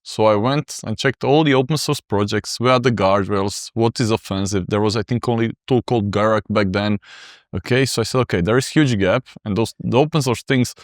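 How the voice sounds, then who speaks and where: Low-voiced guy, speaks english kinda halting and measured, dry mic. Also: no echo. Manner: measured, slightly halting non-native phrasing. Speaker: startup CTO and co-founder. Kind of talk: casual interview talk.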